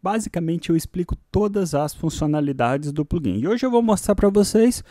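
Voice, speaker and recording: Recorded with clean studio quality and no room sound, a Brazilian man with a high-leaning, expressive, dark voice talks at normal speed. He hosts an informal music production screencast indoors, thinking aloud and often adding short tag questions to check in.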